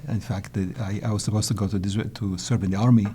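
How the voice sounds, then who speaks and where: In reflective interview answers, an older native Polish speaker from Poland looks back on his early life, often hesitating and starting over. He talks fast in a fairly low, dark voice with fairly even intonation. A little hiss or hum can be heard.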